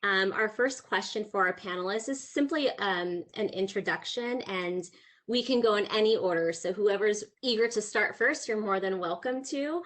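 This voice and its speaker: A woman's voice: mid-range voice, moderate pace, fairly bright tone. A woman moderating an online career panel on a video call, organized with occasional fillers. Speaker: career services event moderator.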